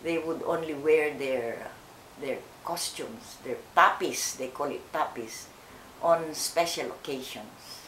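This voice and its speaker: An older woman speaks slowly and haltingly, pausing often and starting her sentences over. Her voice sits a little low. The room is echoey, with faint noise underneath. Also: fairly bright tone. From Philippines. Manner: slow, hesitant, with many fillers and restarts. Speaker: interviewee. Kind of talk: oral history interview.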